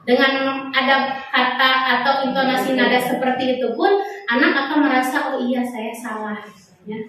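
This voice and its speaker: Seorang guru perempuan menjelaskan materi pelatihan kepada rekan-rekan, sambil memberi contoh kalimat kepada murid. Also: female voice, high voice, steady tone, normal speed, a bit bright, a little hiss or hum. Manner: explains with quoted example phrases to pupils. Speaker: teacher presenting to colleagues. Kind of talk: explaining training material. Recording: echoey room from far off.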